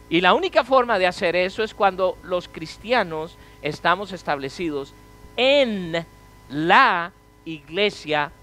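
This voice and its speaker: A pastor with a high voice preaches a sermon, putting rhetorical questions to the congregation and swinging between loud and quiet. The recording is rough.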